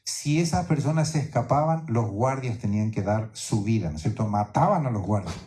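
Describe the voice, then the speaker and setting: A man's voice: on the low side, expressive, fairly quick, dark tone. A man preaching a sermon in Spanish to his congregation, teaching as he goes and often checking in with "¿no es cierto?". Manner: teaching tone, keeps asking "¿no es cierto?". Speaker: pastor. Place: church in New York.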